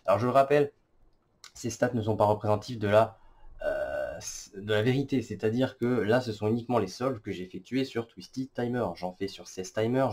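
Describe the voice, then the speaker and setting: A man's voice: fairly low pitch, darkish tone. A man giving casual, hesitant commentary on his own statistics, with many fillers and self-corrections. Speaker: cubing vlogger. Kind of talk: casual screen-recorded commentary.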